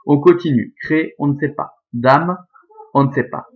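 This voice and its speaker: A man's voice: a little high, unhurried. A male teacher giving a recorded lesson on scanning Latin verse, working methodically step by step and often adding "hein" and "euh". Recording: dull, lo-fi sound.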